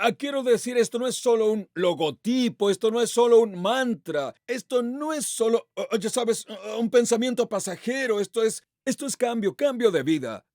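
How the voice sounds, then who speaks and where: A male pastor preaching a sermon with a high, animated voice that leaps up and down in pitch. He fires off rhetorical questions and reads scripture aloud with strong emphasis. The sound is dry and close, with little room echo.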